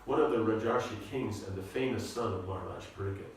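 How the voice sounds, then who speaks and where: A man's voice: fairly low pitch, a little hiss or hum. Lecturing man in an echoey hall. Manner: halting, repeats words, asks the audience to follow. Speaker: spiritual teacher giving a seminar lecture. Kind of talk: informal scripture lecture. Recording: echoey room, recorded from a distance.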